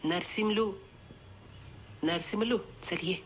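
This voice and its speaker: A woman's voice: mid-range voice, takes it slowly, a little hiss or hum, natural voice. A woman voicing a coaxing village cattle broker. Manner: persuasive, coaxing, rustic speech. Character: smooth-talking village livestock broker man.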